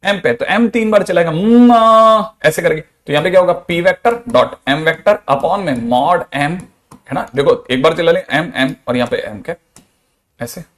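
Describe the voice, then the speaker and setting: A man's voice: fairly high pitch, unhurried. A man, a physics teacher giving a chatty, playful lecture. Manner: chatty, playful, with mixed Hindi-English math terms.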